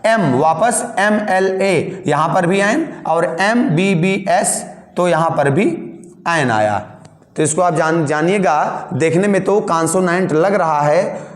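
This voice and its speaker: A man's voice: fairly high pitch, echoey room. A man teaching English grammar rules, explaining each rule again in Hindi and asking his students questions.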